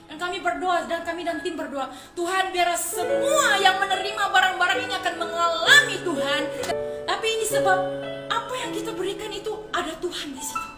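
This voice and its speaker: A woman pastor from Malaysia speaks with fervent, devotional warmth. Her voice is fairly high, and it rings with room echo. Loud music plays behind her. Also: a little fast. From Malaysia, born in Johor. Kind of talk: preaching testimony.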